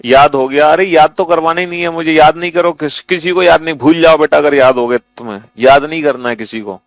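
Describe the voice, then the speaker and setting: A man's voice: fairly high pitch, brisk, dry recording, low-quality recording. A man teaching a class, coaxing his students to read aloud, repeating himself often. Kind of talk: classroom lesson.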